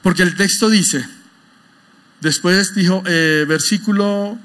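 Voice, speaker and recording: Brief: male pastor, high-pitched voice, emphatic sermon delivery, quizzes the congregation. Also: slow pace, a bit bright. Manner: asks the congregation questions, emphatic.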